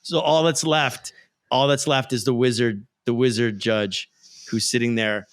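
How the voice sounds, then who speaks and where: A man's voice: mid-range voice, steady tone, measured pace, smooth. A man narrating as game master of a tabletop role-playing game, loose and laughing often.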